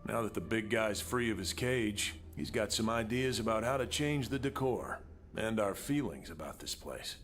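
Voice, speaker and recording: An actor playing a reflective former captive in a video game, narrating in an articulate, wry and measured way. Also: male voice, on the low side, animated, fairly bright tone, faint music behind.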